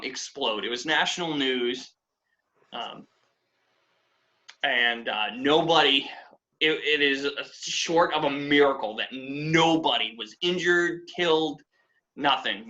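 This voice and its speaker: Host, New England man: casual, profane storyteller, high and bright, lo-fi mic. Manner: swearing, animated, acts out quotes in high voices. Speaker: podcast host. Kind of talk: casual chat.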